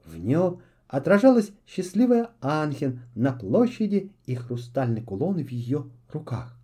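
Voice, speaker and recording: A man narrating a fairy tale for children in an expressive, theatrical storytelling manner. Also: on the high side, a little slow, slightly rough. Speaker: audiobook narrator.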